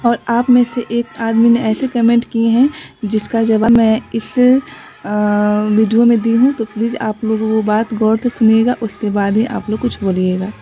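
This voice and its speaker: A woman's voice: a little high, little pitch movement, a little slow, warm tone. A young woman vlogger talking casually to her viewers, earnestly explaining and defending her ways. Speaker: village vlogger. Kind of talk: casual voice-over vlog.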